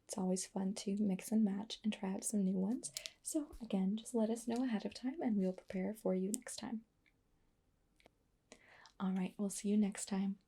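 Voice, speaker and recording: A woman whispering softly through an ASMR roleplay, pausing often with fillers as she explains each trigger. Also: medium pitch, fairly even intonation, husky. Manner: soft whispering with frequent fillers. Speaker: ASMR artist.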